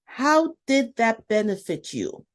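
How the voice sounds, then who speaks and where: Animated, emphatic woman telling a story. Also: on the high side, slow. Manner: animated storyteller, talks to herself in quotes; emphatic, blunt, motivational. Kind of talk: casual interview conversation.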